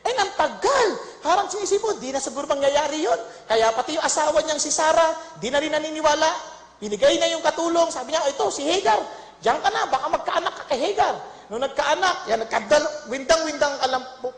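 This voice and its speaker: A woman preaches with a very high, lively voice that swoops up and down. She tells the story playfully and laughs often, asking the congregation questions. The sound rings around a large hall with a long reverb. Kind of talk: humorous Bible storytelling sermon.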